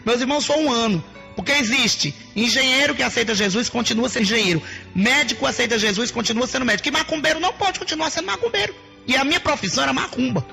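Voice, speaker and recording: Woman preacher giving a testimony: very gravelly, bright and forceful voice, emphatic, soft music underneath. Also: high voice, quick pace. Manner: emphatic, often addressing listeners as brothers.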